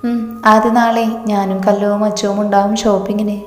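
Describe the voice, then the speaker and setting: A woman's voice: mid-range voice, flat delivery, fairly quick, soft background music, natural voice. A woman voicing a sly young woman plotting with her fiancé in a storybook reading, in an echoey room. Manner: sly, conspiratorial. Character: scheming young bride-to-be. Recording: echoey room with long reverb.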